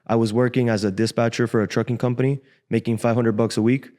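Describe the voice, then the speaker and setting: A man in his twenties, born in Cuba and raised in Miami, speaking as a guest in a casual, frank interview in a podcast studio on a boom mic. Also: fast talker. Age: 20s. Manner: relaxed, frank, casual slang. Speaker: guest trader. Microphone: desk boom mic.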